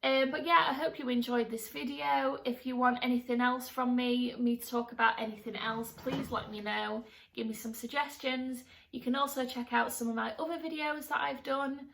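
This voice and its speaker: A woman's voice: sits high, fairly even intonation, moderate pace, creaky, hardly any pauses, a bit bright, slight background noise. Chatty vlogger woman, slightly distant voice. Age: 30s. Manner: chatty and self-deprecating, many fillers. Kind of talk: casual chat to camera. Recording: voice a little distant from the mic.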